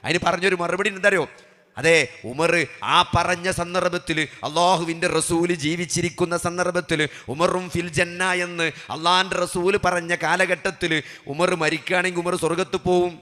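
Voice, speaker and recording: A man preaches with passion, dropping to a hush and then rising to loud emphasis. His voice sits high and is very bright and cutting. The sermon rings out with a long hall reverb. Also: level tone, normal speed. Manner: impassioned, swings from hushed to loud emphatic preaching; rhetorical questions to the audience. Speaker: Islamic preacher.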